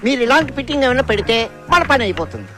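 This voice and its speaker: An actress playing a polite, persuasive woman who pitches a clever idea in a comedy film. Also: very animated, very fast, a bit bright, faint music behind. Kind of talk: comic film dialogue.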